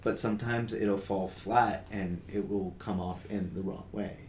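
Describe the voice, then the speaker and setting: A man's voice: lowish voice, steady tone, unhurried, darkish tone. A young man co-hosting a podcast in casual discussion, talking earnestly with many fillers and restarts. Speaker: podcast co-host. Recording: roomy with faint noise.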